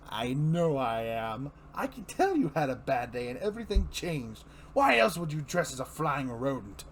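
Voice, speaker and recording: A theatrical, mad clown villain from a comic book, acted out by a man. He taunts and mocks like a bitter fairground showman, with swooping, highish delivery. Light noise sits behind the voice. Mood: smug taunting. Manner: grandiose showman delivery, mocking, swooping emphasis. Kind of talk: dramatic reading of comic book dialogue.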